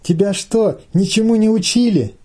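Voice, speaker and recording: A man's voice: on the high side, lively intonation, a little slow, warm tone, slightly rough, voice pushed up. A man voicing an eager, slightly fawning young boy at summer camp. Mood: shouting.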